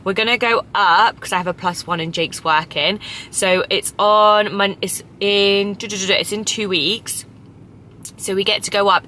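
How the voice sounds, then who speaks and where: A woman's voice: mid-range voice, sharp tone, slight background noise. A woman, chatting upbeat and rambling as a vlogger from inside a parked car, filmed by a camera on the dashboard. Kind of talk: casual chatty vlog. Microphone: camera on the dashboard or held in hand.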